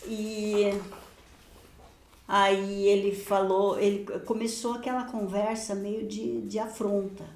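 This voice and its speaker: A woman pastor telling a personal testimony in a podcast conversation, lively and often laughing, acting out the dialogue of her story. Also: mid-range voice, slow pace, echoey room.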